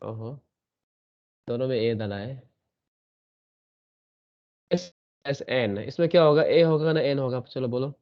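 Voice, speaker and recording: A man leads an online grammar class, going slowly and drilling each sound over and over. He keeps checking that students follow. The audio is muffled and lo-fi. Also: mid-range voice. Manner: repetitive, drills sounds, asks checking questions. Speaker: English grammar teacher.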